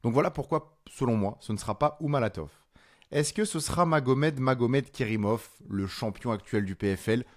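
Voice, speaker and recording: A man hosting his own channel, explaining fight news in a casual, animated way with frequent fillers. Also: medium pitch, moderate pace. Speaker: MMA channel host. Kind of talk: casual commentary to camera.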